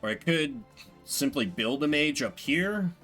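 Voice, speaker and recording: Faint music accompanies a male streamer whose voice sits on the high side, expressive, unhurried and fairly bright. He thinks aloud during live strategy game commentary, working through his decisions as he plays.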